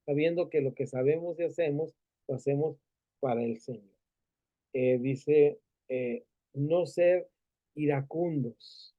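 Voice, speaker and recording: A man's voice: on the high side, takes it slowly, warm tone, muffled recording. A man with a Mexican Spanish accent teaching a Bible class, asking the students questions and adding many fillers and tag questions.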